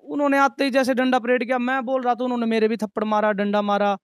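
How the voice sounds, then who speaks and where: Young male restaurant manager, high voice, aggrieved and earnest, dry close sound. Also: flat delivery, fast talker, clear, resonant tone, dry recording. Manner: earnest, aggrieved, recounting in detail. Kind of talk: interview testimony.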